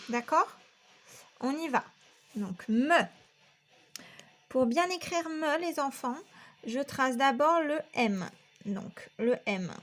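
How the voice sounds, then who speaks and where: Slow, patient high-voiced woman teacher. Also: lively intonation. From France. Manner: patient, step-by-step, counting strokes aloud. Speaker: primary school teacher. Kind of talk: handwriting lesson for children.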